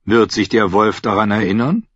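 A man voicing a solemn, wise boy seer who speaks in a grave, measured way. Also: on the low side, breathy edge, no room sound. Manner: measured, grave, slow speech. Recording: slightly dull dry recording.

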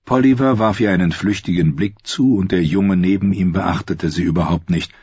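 A man narrating a fantasy novel in a measured, even storytelling manner. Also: sits low, breathy edge, no room sound. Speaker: audiobook narrator. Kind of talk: scripted fiction narration. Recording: dull, lo-fi, dry.

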